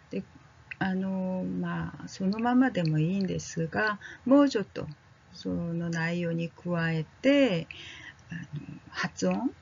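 Woman language teacher, casual and friendly, with a breathy voice on a muffled recording. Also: fairly low pitch, a little mellow. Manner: speaks slowly, drawing out vowel drills and checking in with learners; casual and friendly, with fillers like "ano". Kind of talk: slow, gentle language lesson.

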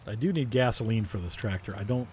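Man, lowish voice, relaxed game commentary, thinking aloud, faint engine noise behind. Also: fast talker. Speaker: gaming video host. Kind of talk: casual farming-sim commentary.

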